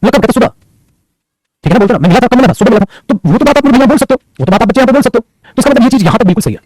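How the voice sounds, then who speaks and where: A man's voice: very high-pitched, expressive, rapid-fire, noisy background. A young man teaching an online grammar class, lecturing his students sternly and then explaining answers patiently. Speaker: English teacher.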